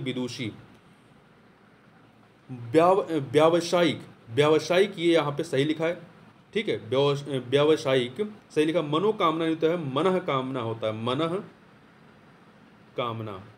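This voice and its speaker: A man's voice: a little high, a little slow, slight background noise. A man tutoring for a Hindi exam, going through test answers and saying words over again as he corrects them. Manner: explanatory, repeats and corrects words aloud. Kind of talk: test-series answer walkthrough.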